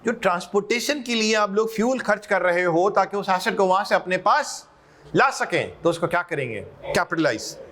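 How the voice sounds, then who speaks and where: A man's voice: sits high, animated, moderate pace, fairly bright tone. A male accounting lecturer, giving a classroom lecture, slipping English terms into his explanations and quizzing students as he goes. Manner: jokes and teases students.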